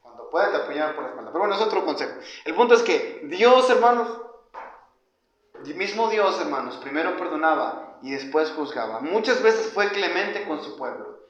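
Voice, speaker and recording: A man delivers a sermon in a plain, conversational way, rising to loud questions and then dropping almost to a murmur. His voice sits a little high for a man. The recording is dull and lo-fi, with the roomy echo of a church hall. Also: big pitch swings, brisk. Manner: conversational preaching, addresses listeners as brothers, swings from loud to soft. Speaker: preacher. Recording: echoey church, dull lo-fi sound.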